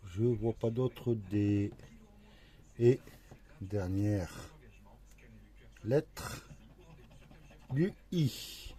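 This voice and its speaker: A man's voice: on the low side, lively intonation, dark tone. A man commenting casually to himself as he scratches a lottery ticket, going through it letter by letter. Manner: slow, talking to himself, letter by letter. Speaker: scratch-card vlogger.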